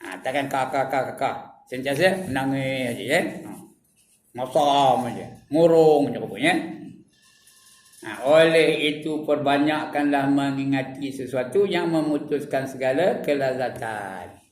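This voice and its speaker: A man with a Malaysian Malay accent giving an evening religious lecture in a prayer hall, animated, mimicking laughter and asking his listeners questions. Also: mid-range voice, a little slow, a little hiss or hum. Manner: animated, mimics laughter and crying, asks the audience. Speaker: religious teacher. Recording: echoey, distant mic with faint room ambience.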